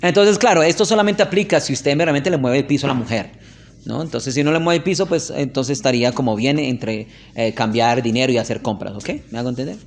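A gravelly mid-range male voice, fairly quick, with a little hiss or hum in the background. He teaches religion informally in a classroom, talking chattily, checking in with "¿ok?", and laughing through anecdotes.

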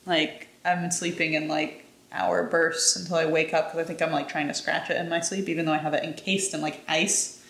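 A woman's voice: deep voice, little pitch movement, a little fast, vocal fry, a bit bright, echoey room. A young woman talking casually to camera as a bike touring vlogger, chatty and upbeat, with many fillers. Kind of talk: casual vlog chat. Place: outdoors and at a house, on a rainy day.

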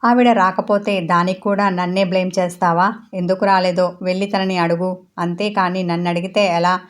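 A woman's voice: lowish voice, level tone, moderate pace, close to an everyday voice. A woman reading a bitter, ranting young husband. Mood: irritated. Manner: resentful, accusing rant.

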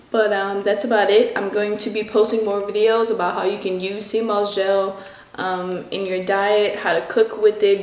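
A woman's voice: mid-range voice, a little mellow. A woman vlogger giving a casual how-to chat, rambling with many fillers into a handheld phone. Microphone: handheld phone mic. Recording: echoey room with faint noise.

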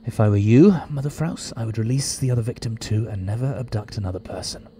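An actor playing a quirky, defiant time-travelling hero in an audio drama, theatrical, moving between flustered mumbling and quiet threat. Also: male voice, fairly low pitch, fast talker, a little hiss or hum, lightly acted.

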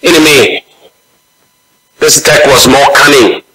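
Pastor, male, slow and deliberate delivery, bright ringing tone, echoey church room. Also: mid-range voice. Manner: slow, deliberate preaching with scripture readings. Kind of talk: sermon.

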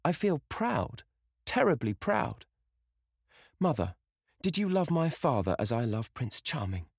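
A man's voice: fairly high pitch, big pitch swings, measured pace, vocal fry, husky, no room sound, studio quality, pitched above the performer's own voice, heavily acted. A man putting on a lovestruck young girl. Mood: yearning. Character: young girl in love, eager and proud.

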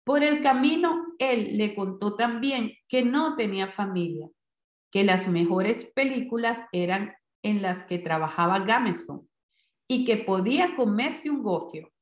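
A woman narrating a short story in a measured, expressive reading voice. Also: medium pitch. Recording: roomy echo.

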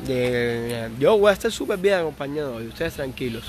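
A man's voice: medium pitch, lively intonation, normal speed, very noisy. A young man with a Cuban Spanish accent, chatting casually on a live stream, reading viewer comments aloud and answering them. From Cuba.

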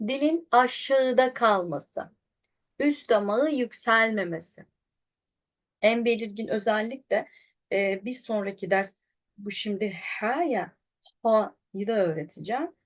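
A woman's voice: fairly high pitch, expressive, measured pace. Woman teacher demonstrating throat sounds. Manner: demonstrates sounds, contrasting right and wrong ones; addresses viewers directly, patient explaining. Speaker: Quran recitation teacher. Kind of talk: online pronunciation lesson.

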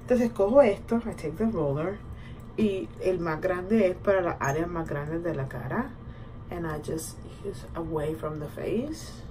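Narrating her skincare steps in a relaxed mix of Spanish and English, a woman vlogs casually from a small indoor bathroom. Her voice is on the low side at a moderate pace. A camera or phone at about arm's length picks up a clearly noisy home recording.

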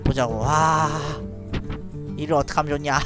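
Man, game streamer, live commentary, chatty, thinks aloud, high voice, faint music behind. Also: normal speed. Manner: chatty, thinks aloud, frequent little laughs.

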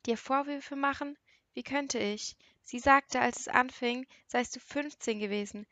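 Heartbroken father in an audiobook, tearful and broken, read by a woman with a higher voice, dry close sound. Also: a little slow, pushed and bright, no echo. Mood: distraught. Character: distraught middle-aged father, sobbing.

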